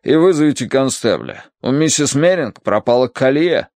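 A man voicing a gruff, irritable old Victorian colonel who barks orders in an audiobook. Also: mid-range voice, animated, moderate pace, a little mellow, no room sound, studio quality, natural voice. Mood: gruff, barking. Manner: barking, grumbling.

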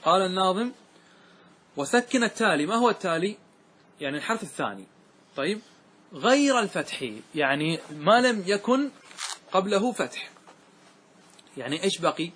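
A man's voice: high-pitched, animated, a little fast, long pauses, a bit bright, a little hiss or hum. A man teaching Arabic grammar to a class, explaining a verse text, reciting lines and often checking that his students follow. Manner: keeps checking students follow, asks them questions; repeats examples and recites verses in a raised voice.

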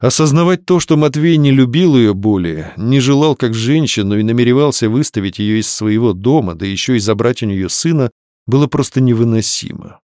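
A man narrating a literary novel in an expressive reading style. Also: medium pitch, brisk, no room sound, clean studio sound. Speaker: audiobook narrator. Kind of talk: scripted narration.

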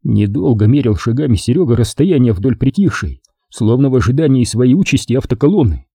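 A man reading a story aloud as an audiobook narrator, with expressive storytelling delivery. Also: medium pitch, a little fast, slightly rough, no echo, studio quality. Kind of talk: scripted narration.

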